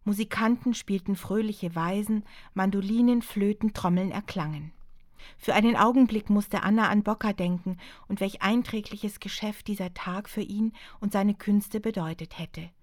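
A woman narrating her own historical novel in a calm, measured voice. Her mid-pitched reading sits close to the mic in a dry, dead room. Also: dry recording. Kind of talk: audiobook narration.

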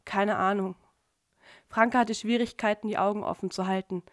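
A woman giving a literary reading of prose in a steady, measured way. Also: medium pitch, dry recording, clean studio sound. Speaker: reader.

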